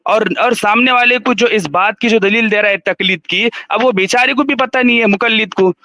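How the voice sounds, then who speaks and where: Insistent high-voiced man debating. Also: pushed and bright, no echo. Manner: insistent, keeps interrupting and repeating himself. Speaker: debate guest on a live stream. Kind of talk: heated religious debate.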